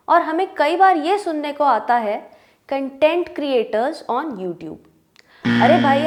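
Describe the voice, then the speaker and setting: A woman teaching English pronunciation, speaking clearly and deliberately, and slowing down when she reads out English example sentences. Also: high voice, darkish tone. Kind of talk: explaining pronunciation in a lesson.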